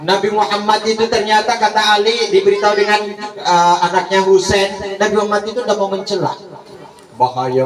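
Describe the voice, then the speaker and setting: A man giving a joking, animated sermon at a large religious gathering, acting out quoted couples. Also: on the high side. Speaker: preacher. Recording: echoey, distant mic with crowd.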